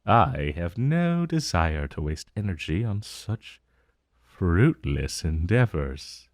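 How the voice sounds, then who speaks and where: A man's voice: sits low, sing-song, takes it slowly, no room sound, studio quality, heavily acted. A man voicing an ancient dragon in a fantasy roleplay monologue, urbane and amused, savoring his words with veiled menace. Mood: teasing menace. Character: ancient male dragon, urbane, intrigued, vaguely menacing familiar.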